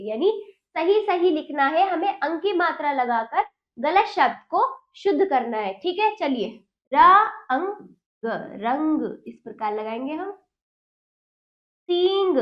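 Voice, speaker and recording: A woman teacher giving a children's Hindi lesson, reading in a slow, sing-song way and asking the class prompting questions. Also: sits high, highs cut off.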